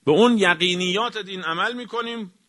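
A man delivering a religious lecture, emphatic, swinging from raised exclamations down to quiet, low remarks. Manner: emphatic, rising to exclamations then dropping low. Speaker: cleric.

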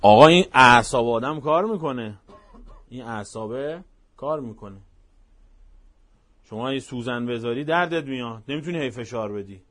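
A man preaching a religious sermon, telling stories emphatically and swinging between hushed and loud, passionate delivery. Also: mid-range voice, long pauses. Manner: repetitive, emphatic storytelling.

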